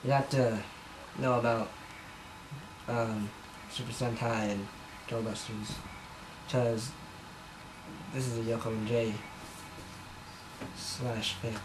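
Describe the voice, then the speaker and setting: A man's voice: medium pitch, flat delivery, slow pace, pauses often. A man giving a comic dramatic reading of fan fiction in his bedroom, rambling and self-conscious, often stumbling over words, on a camera mic. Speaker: amateur reader. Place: bedroom at home. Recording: echoey room with background noise.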